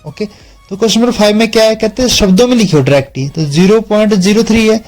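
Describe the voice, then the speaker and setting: A man's voice: high-pitched, fast talker, darkish tone, soft background music. A man teaching a math lesson, explaining each step and checking in with his students again and again. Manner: repeats check-in tags to students.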